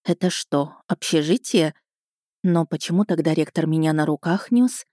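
A woman's voice: sits low, moderate pace, mellow, dry recording, clean studio sound. A woman voicing an emotional young female magic student who pleads in a tearful, breathless way. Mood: bewildered.

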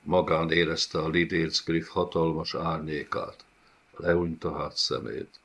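Deep-voiced man narrating a dark fantasy. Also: level tone, breathy edge. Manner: measured, dramatic reading. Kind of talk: audiobook narration. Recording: dull lo-fi audiobook recording.

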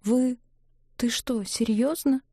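A woman reading as an anxious young witch, high and strained, her voice climbing far above a narrator's usual pitch. She sounds shrill and pleading, in a dark, mellow storybook tone with a dry, close sound. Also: takes it slowly, dry recording. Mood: flustered.

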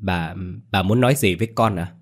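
A man voicing a grieving young man who speaks in choked, halting pleas. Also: low-pitched. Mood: distraught.

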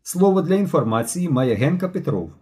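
An earnest schoolboy lays down the rules firmly in a storybook reading, as a man acts him out. His voice is mellow, lively and somewhat raised. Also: fairly high pitch, fairly quick, pitched above the performer's own voice. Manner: firm, decisive. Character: earnest schoolboy leader Mishko, firm.

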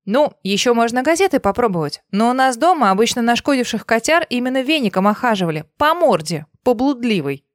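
A woman reading the lines of a sharp-tongued young wife who teases and scolds her husband with sarcasm. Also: a little high, lively intonation, brisk, few pauses, dry recording, studio quality, voice pushed up, natural voice. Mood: sarcastic. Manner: sarcastic, teasing.

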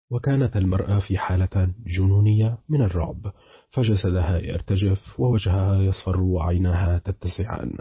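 A man narrating a short story for an audiobook in a measured, dramatic storytelling manner. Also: sits low, breathy edge, no room sound, highs cut off.

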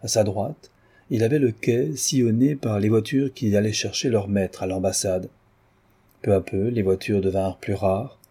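A man reading a classic novel aloud as an audiobook, in a calm, even way. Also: fairly low pitch, moderate pace, breathy edge. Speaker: audiobook narrator. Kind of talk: literary audiobook narration.

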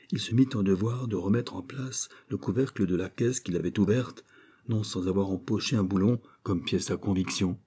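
A man narrating a crime novel audiobook in a measured, dramatic reading style. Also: fairly low pitch, mellow, slightly rough.

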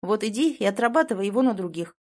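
A woman's voice: mid-range voice, lively intonation, quick pace, a little mellow, close to an everyday voice. A woman voicing a blunt, irritated young man in an audiobook, speaking in a curt, exasperated way. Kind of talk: audiobook character voice.

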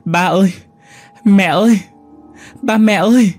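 Man putting on a high sobbing young girl in a sad storybook tale. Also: measured pace, a little mellow, faint music behind. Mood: wailing. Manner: sobbing, crying out. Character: grieving thirteen-year-old village girl.

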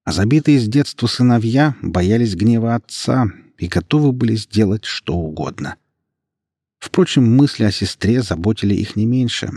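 Guy reading a story, low husky voice, steady and dry. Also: moderate pace, no echo. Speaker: audiobook narrator. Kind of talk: scripted narration.

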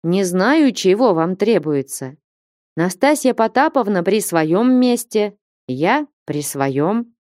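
A woman's voice: big pitch swings, slow pace, darkish tone, dry recording, clean studio sound. Alexei, a gloomy young village man voiced by a woman. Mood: glum. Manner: low, reluctant, sighing. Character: downcast young village man, shy and evasive.

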